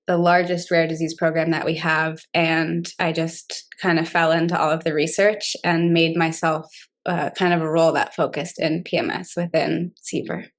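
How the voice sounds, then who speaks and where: A woman in her thirties, a clinical researcher, answering interview questions casually over a video call from a room at home. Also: lowish voice. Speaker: clinical trials manager, researcher. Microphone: video call webcam.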